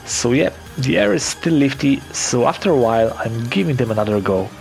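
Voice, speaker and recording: Gravelly, lively man narrating his flight. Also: medium pitch, brisk, faint music behind. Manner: enthusiastic, casual, swears freely. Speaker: paragliding vlogger. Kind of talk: first-person flight commentary voice-over.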